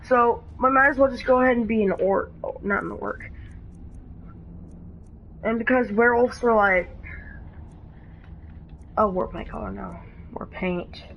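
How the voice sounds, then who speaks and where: A woman casually talking through a game on a live stream, rambling and halting, with frequent restarts. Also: fairly high pitch, vocal fry. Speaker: gaming streamer. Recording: dull lo-fi stream audio with faint noise.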